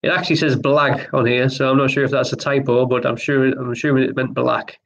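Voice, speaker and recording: A man hosting an online pub quiz, reading each question twice and chatting between rounds in a relaxed, apologetic way. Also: medium pitch, a little fast, gravelly, low-quality recording. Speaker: quiz host.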